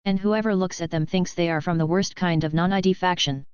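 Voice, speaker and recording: Woman reading an audiobook, smooth and low. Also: steady tone, fairly quick, a little mellow, no room sound, muffled recording. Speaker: narrator. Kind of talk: adult fiction audiobook reading.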